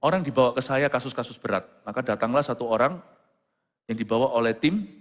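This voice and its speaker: A man pastor preaching a sermon, who moves between quiet storytelling and loud exclamations and drops English phrases into his talk. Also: medium pitch, a little fast. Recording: long hall reverb with faint music.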